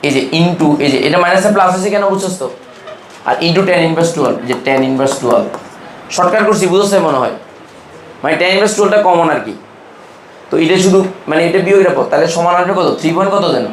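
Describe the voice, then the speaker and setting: A man's voice: on the high side, animated, roomy sound, a little hiss or hum. A man from Bangladesh teaching a chemistry class, constantly quizzing his students in an informal, brotherly way. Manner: keeps quizzing students with quick questions. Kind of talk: classroom lecture.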